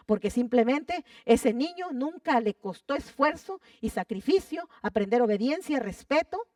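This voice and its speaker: A woman preaches to her church with fervor and a fairly high voice, often repeating her words and asking the congregation questions. She sounds set back from the microphone. The sound is dry, with little echo. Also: darkish tone, distant mic. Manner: fervent, repeats phrases for emphasis, asks the congregation questions. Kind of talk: sermon. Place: church sanctuary.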